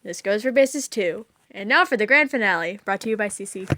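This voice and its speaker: A woman's voice: mid-range voice, lively intonation, a little fast, fairly bright tone, slight background noise. A young woman chatting casually and reading from a list, often distracted and breaking off to apologize. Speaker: co-host.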